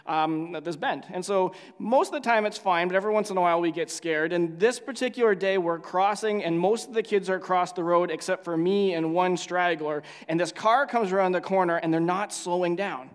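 A man's voice: high-pitched, brisk, hardly any pauses, smooth, big-room sound. A male pastor praying and then preaching in a conversational, storytelling way with frequent restarts. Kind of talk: sermon with prayer.

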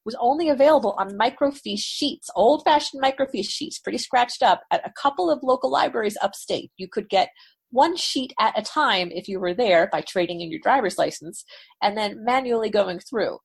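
A woman from New York telling her story conversationally, in an animated, emphatic and wry way. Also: on the high side, moderate pace, vocal fry, husky. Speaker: interview guest, nonprofit founder.

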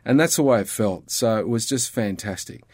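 Middle-aged Australian man, guest, earnest and reflective, low-pitched, dry close sound. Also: normal speed, a little mellow, no room sound. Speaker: guest, ministry worker. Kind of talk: casual conversation.

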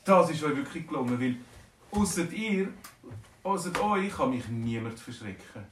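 A man's voice: a little high, lively intonation, moderate pace, fairly bright tone, a little hiss or hum. A man with a Swiss German accent voicing an earnest little dwarf in a told story. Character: small male dwarf, hiccuping, earnest. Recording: roomy, distant from mic.

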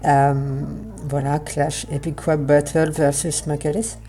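Low, mellow woman through a voice changer. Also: level tone, takes it slowly. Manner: earnest, reflective, searching for words. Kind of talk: spoken essay on roleplaying games.

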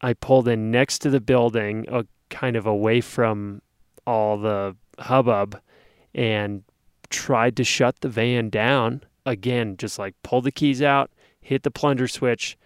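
Animated man telling a road story. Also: medium pitch, slow, clean tone, no echo, clean studio sound. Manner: animated, acts out his own panicked shouts. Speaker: podcast co-host. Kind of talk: casual storytelling.

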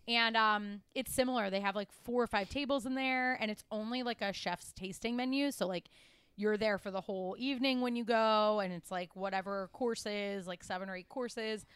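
Chatty young woman, smooth voice. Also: mid-range voice, normal speed, fairly bright tone, dry recording. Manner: chatty, laughs often, many "like" fillers. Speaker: podcast co-host. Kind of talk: casual chat.

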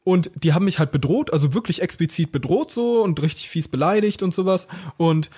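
A man's voice: on the high side, expressive, fairly quick, darkish tone, slightly rough. A young man co-hosting a podcast, telling a story in a rambling way and acting out the lines of the people in it. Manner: rambling, acts out quoted lines. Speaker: podcast co-host. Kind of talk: casual storytelling chat.

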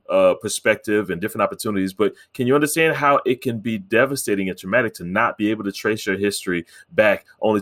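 A man, a therapist, calmly recounting a session with a client, earnest and measured, with frequent fillers and restarts. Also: lowish voice. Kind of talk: reflective storytelling talk.

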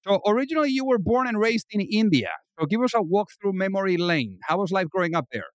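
Podcast host guy, kinda high voice, upbeat, says you know a lot, dry close mic. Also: expressive, quick pace, dry recording. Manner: upbeat, filler-heavy, lots of you know. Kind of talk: podcast interview.

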